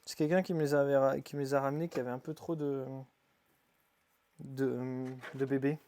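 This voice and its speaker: A man live-streaming as he sorts his isopod boxes, muttering asides with quick bursts of excitement. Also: mid-range voice, slight background noise. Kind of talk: casual live-stream chat while handling animals.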